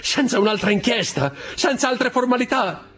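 A man's voice: high voice, a little fast, breathy edge, faint music behind, pitched above the performer's own voice. A man reading aloud voices a desperate young male prisoner who cries out in rising alarm.

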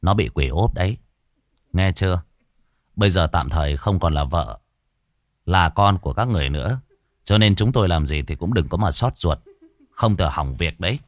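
Gruff, foul-mouthed young exorcist, read by a man, low muttering that flares into angry shouts, audio story. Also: expressive, normal speed, long pauses, dry recording, clean studio sound. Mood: stern. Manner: gruff, threatening, cursing. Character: hot-tempered young male exorcist master.

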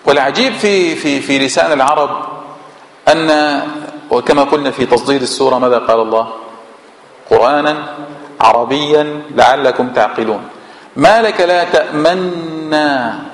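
A man's voice: mid-range voice, gravelly. A man with a Levantine Arabic accent, a sheikh giving a Quran exegesis lesson in a mosque, posing rhetorical questions and answering them himself. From Syria. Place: large mosque hall. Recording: echoey mosque hall with long reverb.

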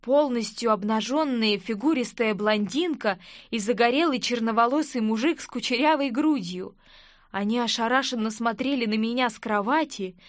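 Woman, high voice, lively first-person audiobook narration, dry close recording. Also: no echo. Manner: lively, expressive.

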